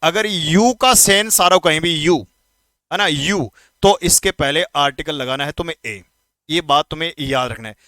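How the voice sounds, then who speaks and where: A man teaching English grammar in an exam-prep lesson, speaking informally to students and repeating words slowly to drill pronunciation. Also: a little high, pushed and bright, no echo. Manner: addresses students informally, asks quick questions.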